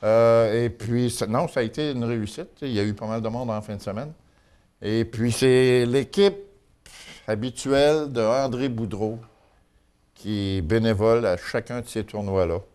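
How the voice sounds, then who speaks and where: A man's voice: medium pitch, moderate pace, a little mellow, clean tone. A man with a Quebec French accent giving an informal local news chronicle in a folksy, colloquial way. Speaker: local news and gossip columnist.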